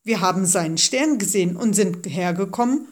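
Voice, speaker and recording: A woman voicing a group of eager male stargazers in a storybook reading, with an excited manner. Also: medium pitch, normal speed, lightly acted.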